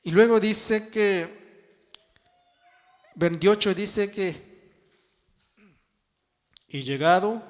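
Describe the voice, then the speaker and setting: A man preaching a sermon and reading scripture, drawing his phrases out with emphasis and sudden soft drops. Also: high voice, very slow, pauses often. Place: church hall. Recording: long church-hall reverb.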